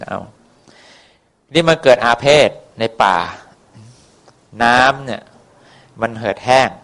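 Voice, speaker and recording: A man's voice: mid-range voice, a bit bright. A man telling a folk tale in a casual, rambling way, with many fillers and coarse words. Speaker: storyteller.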